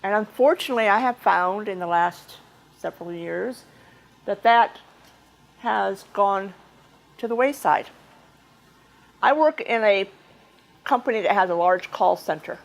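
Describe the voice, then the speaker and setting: A woman speaking to a small club meeting in a restaurant room. Her talk is chatty and conversational, full of restarts and little asides. Her pitch sits in the middle range, and she sounds like she is talking rather than reading. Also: unhurried, creaky, long pauses, rough recording. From United States. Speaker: club member giving a speech. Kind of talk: informal prepared speech at a club meeting.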